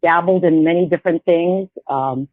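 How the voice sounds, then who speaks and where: A woman in her fifties, a guest in a casual interview, speaks at a normal pace in a fairly low voice. She rambles hesitantly with many restarts, heard over a tinny, phone-like line with no room sound.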